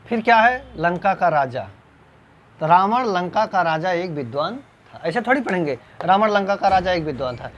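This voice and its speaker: High-voiced male Hindi grammar teacher. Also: dull audio. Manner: slow, spaced example readings with rhetorical questions. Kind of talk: exam-prep video lecture.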